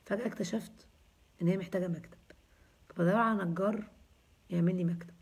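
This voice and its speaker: A woman's voice: fairly low pitch, fairly even intonation, quick pace, darkish tone, slightly rough. A woman in her thirties with an Egyptian accent, hosting a casual live chat and answering viewers with jokes and teasing. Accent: Egyptian Arabic. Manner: joking, teasing, chatty. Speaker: host answering viewers' comments.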